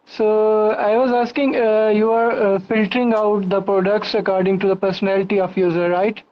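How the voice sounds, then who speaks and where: Casting: female audience member, medium-pitched, putting simple questions over a slightly muffled call. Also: flat delivery, moderate pace. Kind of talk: informal online question-asking. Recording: dull online call audio.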